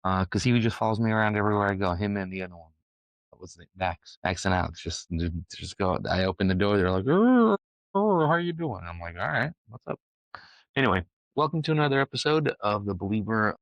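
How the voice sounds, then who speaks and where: A man's voice: lowish voice, animated, fairly quick, dry recording, low-quality recording. A man from Ukraine in his forties hosting his own podcast, talking bluntly and profanely in a rambling monologue full of restarts. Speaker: podcast host. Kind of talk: casual opinionated monologue.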